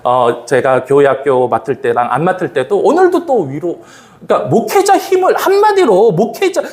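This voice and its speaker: A male pastor preaching at a Friday evening revival service, playful and animated, laughing often and calling on the congregation for amens. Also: high voice, normal speed. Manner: talks directly to the congregation, asking for amens.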